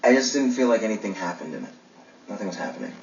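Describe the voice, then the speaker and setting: A man's voice: on the low side, expressive, fast talker, a little mellow, a little hiss or hum, lightly acted. A man playing a prickly sarcastic young boyfriend. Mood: reluctant. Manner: stammering restarts, dry sarcasm. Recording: distant, dull TV soundtrack.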